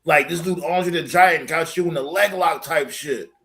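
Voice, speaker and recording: Animated, profane storytelling man. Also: on the high side, moderate pace. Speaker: podcast co-host. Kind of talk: casual chat.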